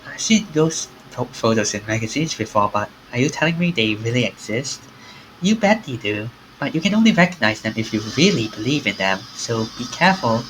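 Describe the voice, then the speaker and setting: Reading a visual novel's lines aloud, a streamer performs in a very animated voice whose pitch rises and falls sharply as the dialogue passes between characters. Overall the delivery stays at a middle pitch and moves a little fast. The recording is low quality, with slight background noise.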